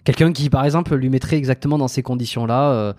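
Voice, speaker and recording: A man's voice: mid-range voice, fast talker, darkish tone, dry recording, studio quality. A man interviewing a guest, asking long questions while hesitating and searching for words. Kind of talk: casual interview.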